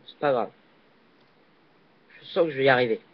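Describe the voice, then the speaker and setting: A young man casually commenting while he plays a video game, hesitant and full of fillers, with sudden excited yelps on jumps. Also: mid-range voice, moderate pace. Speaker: gaming channel host. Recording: dull lo-fi recording.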